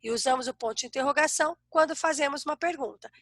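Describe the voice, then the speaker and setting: A Brazilian woman teaches a class of young children over a video call, her voice high and sing-song. The recording is dry and close, and her tone is bright. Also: fast talker, no room sound. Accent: Brazilian Portuguese. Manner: warm, sing-song teacher talk to small kids. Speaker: primary school teacher.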